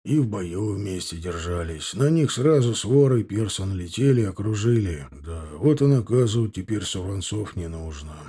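A man voicing a grizzled older veteran sergeant in an audiobook, gruff, low and matter-of-fact. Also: animated, moderate pace, hardly any pauses, mellow. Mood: rueful. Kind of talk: audiobook character voice.

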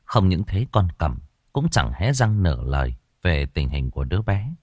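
A man narrating an audiobook in a measured, expressive way. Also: low-pitched, dry recording, studio quality. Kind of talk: scripted narration.

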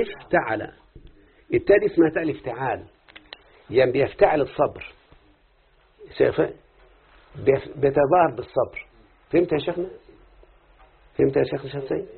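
A man with an Egyptian accent teaching an Arabic grammar class, lively and constantly quizzing his students with questions. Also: medium pitch, brisk, creaky, pauses often, slightly rough. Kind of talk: classroom lesson. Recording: tinny lo-fi phone-like recording.

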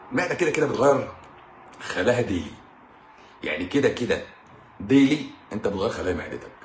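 Fast-talking Egyptian man, mocking and combative. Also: on the low side, roomy sound, a little hiss or hum. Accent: Egyptian Arabic. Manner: mocking, combative, repeats points for emphasis. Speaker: doctor hosting a live stream. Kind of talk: casual live-stream monologue.

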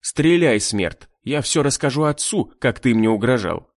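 A man's voice: mid-range voice, expressive, a little slow, no room sound, clean studio sound. A man voicing a stubborn, defiant young village woman who speaks firmly, in an audiobook.

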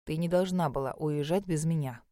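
A woman voicing a stern, brooding young husband who speaks low, firmly and measured. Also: dark tone, no room sound, clean studio sound, close to an everyday voice.

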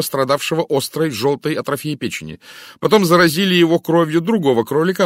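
A man reading an audiobook, voicing a fiery, haughty young woman with a sharp, imperious manner. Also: fairly high pitch, no echo, clean studio sound, voice pushed up, close to an everyday voice.

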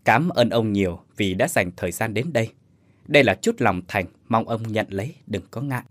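A man's voice: lowish voice, expressive, normal speed, no echo. A man voicing a gracious older mother of the household who speaks politely, in a spoken story. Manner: polite, courteous.

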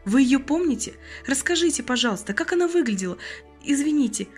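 A woman reading an audiobook, voicing a gentle young woman who grew up in an orphanage, speaking softly and politely. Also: sits high, lively intonation, a little fast, faint music behind, voice pushed up. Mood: earnest.

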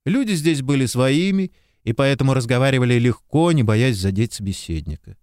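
A man narrating an audiobook in an expressive, measured storytelling voice, recorded close to the mic. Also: mid-range voice, clean tone, no echo. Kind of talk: scripted narration.

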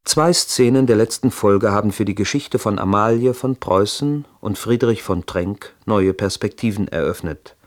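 A man presenting a scripted recap of a story series in a calm, formal way. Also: lowish voice, normal speed, hardly any pauses.

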